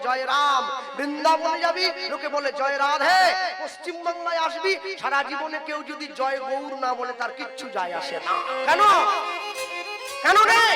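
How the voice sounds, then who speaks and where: Man, kirtan sermon, stage mic, acted dialogue, rhetorical questions. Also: extremely high pitch. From West Bengal. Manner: folksy storytelling, acts out dialogue, rhetorical questions. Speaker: kirtan singer and preacher. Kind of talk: kirtan sermon to a live audience. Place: evening religious gathering on stage. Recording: loud instrumental music behind. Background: musical instruments.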